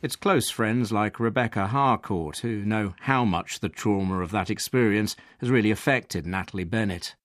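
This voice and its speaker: A man's voice: on the low side, moderate pace, hardly any pauses, fairly bright tone, no echo. Man narrating a dry studio voice-over. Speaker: reporter narrating a profile. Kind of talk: scripted documentary narration.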